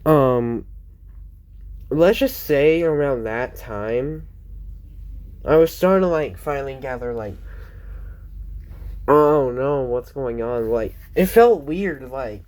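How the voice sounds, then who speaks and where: A man's voice: mid-range voice, animated, slow pace, pauses often, darkish tone. A teenage boy vlogging from home, rambling with lots of fillers and self-corrections, sounding close to tears. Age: teens. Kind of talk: casual rambling vlog.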